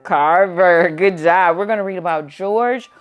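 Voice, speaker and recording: A woman hosts a children's book read-aloud, keeping the phrasing simple and turning to a young child with asides between passages. Her low voice is clean and a little slow, with music in the background.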